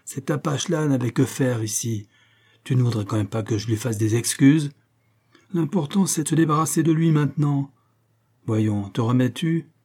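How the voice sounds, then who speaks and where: Un homme qui joue un ancien vicomte criminel, froid et calculateur, au ton méprisant et cassant. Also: male voice, mid-range voice, moderate pace, dark tone, breathy edge. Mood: angry. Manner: contemptuous, snapping, sometimes hissed. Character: cold scheming former viscount, criminal man.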